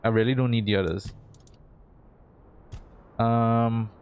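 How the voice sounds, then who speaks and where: A man's voice: medium pitch, fairly even intonation, takes it slowly, darkish tone, clear, resonant tone. A man giving casual gameplay commentary, thinking aloud in an indecisive, mumbled way as he plays through a video game. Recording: game music behind the voice. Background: video game music.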